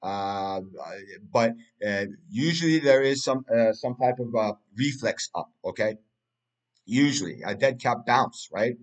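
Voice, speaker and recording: A Turkish-speaking crypto market analyst talks through a price chart in a casual analysis. His voice is medium in pitch and unhurried, and he rambles with lots of fillers and restarts.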